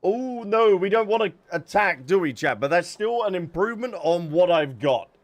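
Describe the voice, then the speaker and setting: While gaming on a livestream, a man talks casually with his viewers, answering them and thinking out loud. He sounds high-pitched and expressive at a normal speed, over background music.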